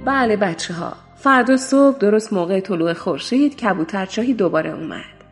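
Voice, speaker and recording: A woman's voice: medium pitch, lively intonation, long reverb tail, faint music behind. Woman telling a story to children. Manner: gentle, addresses the listening children.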